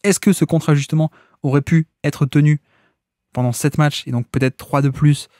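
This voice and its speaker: A man's voice: on the high side, fairly even intonation, normal speed, a little mellow, no room sound, studio quality. Man breaking down basketball tactics. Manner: analytical, unscripted, explains tactics step by step. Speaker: basketball podcast host. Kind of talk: solo tactical debrief podcast.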